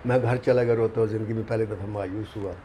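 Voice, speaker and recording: An older man from Pakistan with a Punjabi accent. He is a film writer being interviewed, and he tells anecdotes in a lively way, acting out the people he quotes. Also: fairly low pitch, fast, a little hiss or hum. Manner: animated, acts out the people he quotes. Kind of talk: anecdotal storytelling.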